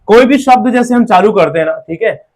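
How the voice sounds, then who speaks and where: A man giving an exam-prep lecture, explaining step by step and slowly breaking words into their sounds, often checking in with "theek hai". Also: high-pitched, lively intonation, a little mellow. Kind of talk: classroom-style lecture.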